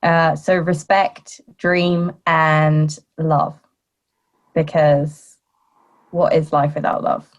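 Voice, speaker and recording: A woman's voice: low voice, little pitch movement, very slow, lo-fi sound. A woman being interviewed as a podcast guest, speaking in a thoughtful, sincere way. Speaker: podcast guest, self-defence coach. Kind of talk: interview conversation.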